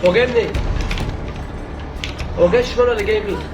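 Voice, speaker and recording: Excitable Egyptian man, loud game music. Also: high-pitched, quick pace. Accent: Egyptian Arabic. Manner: excitable, reactive, repeats phrases in panic. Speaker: gaming channel host. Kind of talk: let's play commentary.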